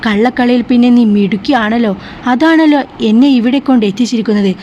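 A woman voicing a bitter young husband who speaks to his new wife with cold, low contempt, in a slightly muffled recording. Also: fast talker, mellow, natural voice. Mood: scornful. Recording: slightly muffled with faint hiss.

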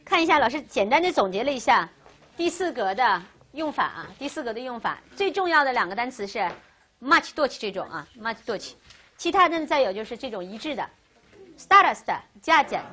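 A woman teaching a Russian grammar class, lecturing lively and asking questions she answers herself. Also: sits high.

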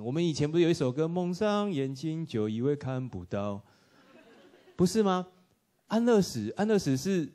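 A man giving a lively storytelling talk to an audience at a film workshop, acting out dialogue and laughing often. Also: medium pitch.

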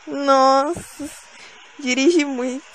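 Female gamer host, high voice, exasperated and teasing with her team. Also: a bit bright, poor audio. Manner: bossy, teasing, exasperated banter with teammates. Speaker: gameplay channel host. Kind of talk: casual gaming commentary. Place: at home.

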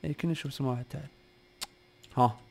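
Rapid-fire young gamer host. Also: male voice, mid-range voice, steady tone, vocal fry, dark tone. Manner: rapid, repeats short words in bursts. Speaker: gaming channel host. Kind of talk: excited gameplay commentary.

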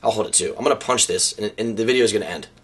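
A young man vlogging about skateboarding, his voice hoarse and worn out, joking at his own expense and rambling with fillers. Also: lowish voice, rapid-fire. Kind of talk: casual vlog talk to camera.

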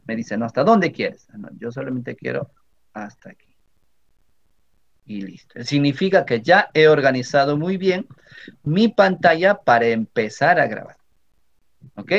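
Man, Peruvian Spanish accent, instructor, step-by-step tutorial, checks in often, fairly high voice, slightly dull lo-fi sound. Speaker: teacher training instructor. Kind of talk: screen-recording software tutorial. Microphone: computer microphone.

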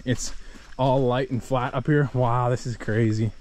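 A travel vlogger in his twenties chats casually to an action camera held at arm's length while hiking a rainforest volcano trail. His mid-range voice is darkish, fairly even in intonation and unhurried. Faint outdoor noise sits in the background.

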